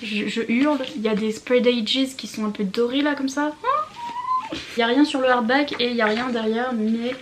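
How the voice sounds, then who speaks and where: Young woman, excited unboxing chat, giggly, gushing, slightly high voice, faint background noise. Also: normal speed. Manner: gushing, giggly, mixes English words into French. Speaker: book vlogger.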